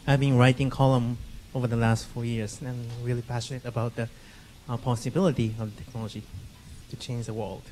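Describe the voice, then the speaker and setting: A man from Japan introduces himself at a conference in a careful, measured way. Faint room noise sits behind him. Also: mid-range voice, little pitch movement, a little mellow. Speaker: conference participant.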